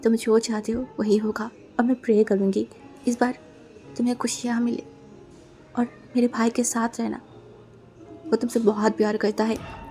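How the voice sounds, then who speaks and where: A woman voicing a gentle older brother who speaks quietly and tenderly. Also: a little high, flat delivery, normal speed, long pauses, soft background music, close to an everyday voice.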